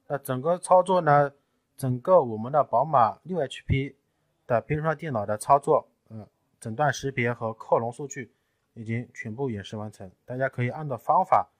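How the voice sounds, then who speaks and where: A man in a technical tutorial, explaining each step patiently and often pausing with fillers. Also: mid-range voice, dry recording. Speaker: tutorial presenter. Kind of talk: screen-recorded technical tutorial.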